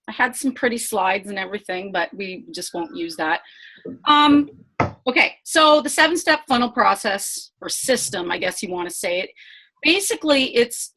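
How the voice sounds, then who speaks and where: A mid-range, slightly bright voice with a breathy edge belongs to a team leader hosting a casual live online sales training on her computer mic. Flustered and apologetic, she swears quietly before settling into a chatty, encouraging tone.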